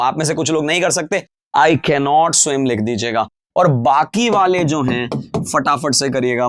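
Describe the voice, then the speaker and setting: A man teaching English grammar in an online lecture, explaining in Hindi, slowing down to read English examples, and addressing his viewers as friends. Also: fairly high pitch, fairly bright tone, dry recording, studio quality.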